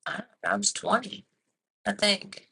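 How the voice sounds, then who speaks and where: A woman's voice: medium pitch, moderate pace, vocal fry, slight background noise, rough recording. Chatty young woman telling a story. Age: 20s. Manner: rambling, animated storyteller full of "like". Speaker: podcast guest. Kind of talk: casual chat.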